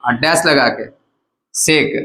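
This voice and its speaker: A man's voice: medium pitch, slow pace, bright, forceful tone, a little hiss or hum, low-quality recording. A male chemistry teacher giving a casual classroom lecture who keeps asking his students to repeat each term back to him. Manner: casual, coaxing teacher talk.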